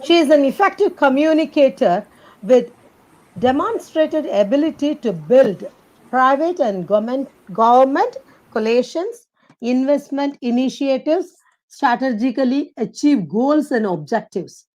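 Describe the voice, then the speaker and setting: A woman hosts an online session, reading a guest's credentials from a prepared script. Her voice sits somewhat high, and her delivery stays formal and instructive. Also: expressive, unhurried, a little mellow, poor audio. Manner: reads a prepared bio, then gives instructions. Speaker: program host introducing speaker. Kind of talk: formal introduction and announcements.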